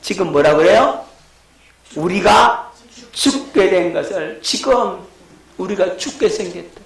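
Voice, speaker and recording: Male pastor, high gravelly voice, echoey church hall, rhetorical questions. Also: expressive, slow. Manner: rhetorical questions to the congregation, shouting acted quotes. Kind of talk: sermon lecture.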